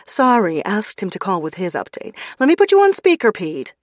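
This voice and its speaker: Pushy friend, high and loud, eager and bossy, done by a woman. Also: lively intonation, normal speed, no echo, lo-fi sound.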